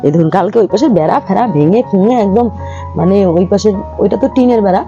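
A hoarse, feverish middle-aged woman chatting casually to her viewers in a home vlog and telling a story. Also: mid-range voice, fast, mellow, dull audio, faint music behind. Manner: chatty, addresses viewers as friends, coos at pets. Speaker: vlogger.

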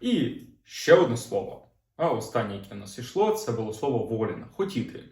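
Man, grammar teacher, patient step-by-step explaining, mid-pitched voice, echoey room. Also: very animated, a little fast, darkish tone. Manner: explanatory, repeats "знову ж таки", asks learners questions. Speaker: German language teacher. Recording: roomy echo.

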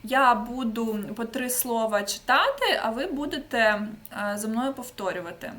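A woman teaching an online English pronunciation lesson, patiently demonstrating sounds slowly and checking in with the learners. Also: fairly high pitch, lively intonation, fairly bright tone.

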